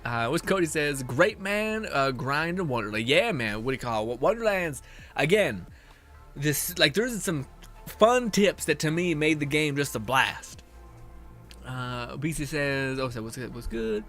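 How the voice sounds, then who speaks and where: A man in casual live-stream chat, with a fairly high, forceful, bright voice. He rambles in slang over faint game music. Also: animated, unhurried.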